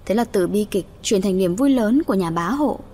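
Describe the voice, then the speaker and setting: Female audiobook reader, steady dramatic delivery. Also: medium pitch, normal speed, husky. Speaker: audiobook narrator. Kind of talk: scripted story narration.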